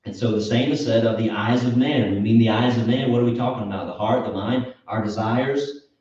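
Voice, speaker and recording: A man's voice: mid-range voice, steady tone, fairly quick, a little mellow. A man preaching an earnest, emphatic sermon, asking his listeners questions. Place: church auditorium. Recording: echoey hall, distant mic, dull.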